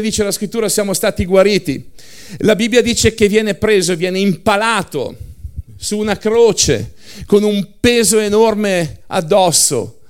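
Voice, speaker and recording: A man's voice: high voice, clean tone. A man preaching a sermon with passion, piling up short phrases one after another.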